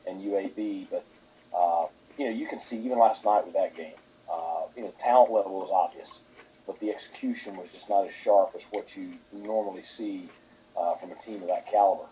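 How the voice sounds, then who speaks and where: A man, a football head coach, answering questions at a press conference in a halting way, with many fillers. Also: deep voice, warm tone, a little hiss or hum, rough recording.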